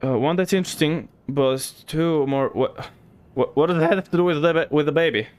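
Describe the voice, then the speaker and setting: His voice sits a little high, fairly quick and a little mellow. He's a Bulgarian streamer with a light accent, casually talking to viewers and thinking aloud as he plays.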